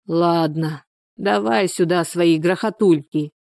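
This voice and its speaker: A woman reading a storybook, voicing a blunt, surly village man in a curt, rough manner. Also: on the low side, takes it slowly, a little mellow, no room sound, studio quality. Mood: gruff.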